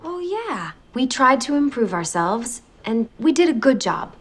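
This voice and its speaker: A woman's voice: sits high, very animated, a little slow, exaggerated voice. An actress playing a brash, blunt young woman with a sarcastic, wisecracking manner.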